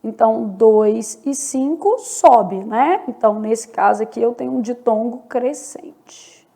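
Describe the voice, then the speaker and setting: Gravelly-voiced woman teaching slowly. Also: fairly high pitch, dark tone. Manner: explains step by step, often checks in with the viewer. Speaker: Portuguese teacher. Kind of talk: online exam-prep lesson.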